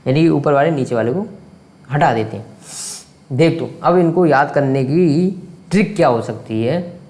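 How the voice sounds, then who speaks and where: A man's voice: mid-range voice, a little mellow. A man teaching a science lesson online in a chatty, theatrical way. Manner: chatty and theatrical, sings and hums while working.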